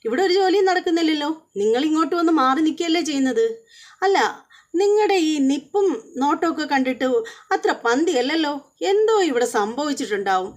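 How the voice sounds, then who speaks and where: A woman's voice: high-pitched, lively intonation, fast, voice pushed up. A woman voicing an angry young husband who sharply questions his wife and her family. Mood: demanding.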